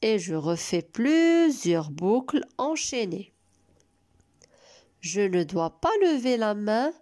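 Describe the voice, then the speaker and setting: Slow, lively-voiced woman teaching small children. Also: medium pitch. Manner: slow and carefully spelled out, encouraging. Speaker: preschool teacher. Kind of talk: recorded lesson for young children.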